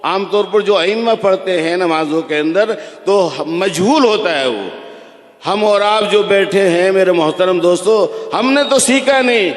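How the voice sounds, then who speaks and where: A man preaching a sermon in a mosque, telling stories and slowly chanting recitation examples. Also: high voice. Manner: storytelling, slows to chant Quran recitation examples. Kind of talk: religious sermon. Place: large echoing mosque hall. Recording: echoey hall reverb.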